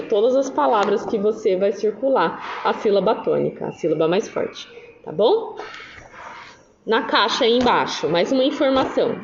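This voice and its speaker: A woman's voice: on the high side, a little hiss or hum. A Brazilian woman teacher explaining exercises in a lesson, patient and checking in with her students often. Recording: dull roomy recording with faint ambience.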